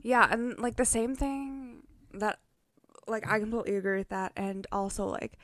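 A young woman in her twenties chatting casually with a friend on a podcast, full of fillers and quick laughs. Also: fairly high pitch, fairly even intonation, fairly bright tone, no room sound. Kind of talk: casual chat.

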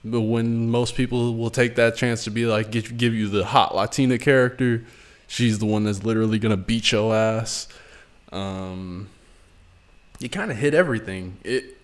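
A man chatting casually about TV shows, animated and slangy, with lots of fillers. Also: lowish voice, normal speed. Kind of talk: casual chat.

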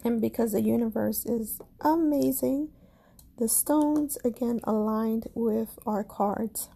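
A woman with a Caribbean accent hosts a relaxed spiritual podcast, speaking at an unhurried pace. Her voice sits a little high but sounds husky, with gravelly fry at the ends of phrases. She is gentle and pokes fun at herself. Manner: slow, gentle and self-deprecating, with soft laughs. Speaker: podcast host, astrology and crystal reader. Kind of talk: casual spiritual podcast monologue.

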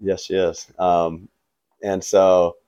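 A man's voice: low-pitched, little pitch movement, slow, mellow, smooth, muffled recording. A man chatting casually and telling stories in laid-back frat-bro slang, full of "man", "bro" and "you know". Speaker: guest, martial arts instructor and skateboarder.

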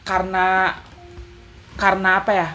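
A man from Lampung, Indonesia, telling stories in a casual chat as co-host, relaxed and quick to laugh. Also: high voice, over loud music. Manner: laid-back storytelling, laughs often.

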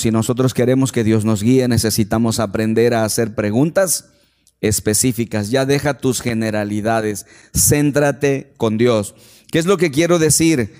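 A man's voice: medium pitch, darkish tone. A man preaching a sermon and putting emphatic rhetorical questions to the congregation in a church hall. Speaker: pastor. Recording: long hall reverb.

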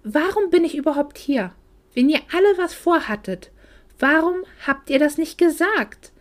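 A woman's voice: high-pitched, expressive, normal speed, voice pushed up. A woman voicing a hurt young woman home for Christmas who lashes out at her family with indignant outbursts. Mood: hurt, angry.

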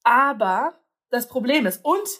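A woman's voice: a little high, animated, a little slow, fairly bright tone. A young woman chatting casually, hesitating often with fillers and restarts. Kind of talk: casual chat.

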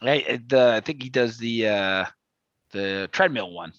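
A man co-hosting a podcast in casual chat, animated, laughing often and swearing casually. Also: medium pitch, measured pace, dry recording, dull audio. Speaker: podcast co-host. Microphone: video call.

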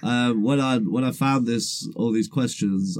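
A man's voice: medium pitch, measured pace. An English man with a blocked nose hosting a podcast quiz, reading questions playfully and giggling easily. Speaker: quiz host.

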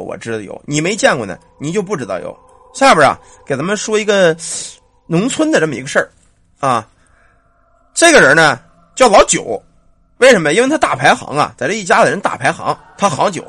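A man's voice: fairly high pitch, a bit bright, slightly rough, no room sound. A man telling a ghost story in a chatty, colloquial way, speaking straight to his listeners.

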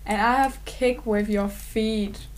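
A woman from Los Angeles co-hosting a podcast, cheery and quick to laugh during a word game. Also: mid-range voice, fairly even intonation, very noisy. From Los Angeles, California. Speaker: podcast co-host. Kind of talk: casual game chat.

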